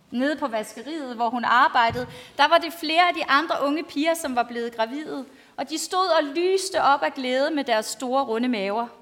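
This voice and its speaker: A woman pastor giving a storytelling sermon to a congregation in simple, plainly spoken language. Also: high voice. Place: large reverberant church, speaking to a congregation. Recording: long church-like hall reverb.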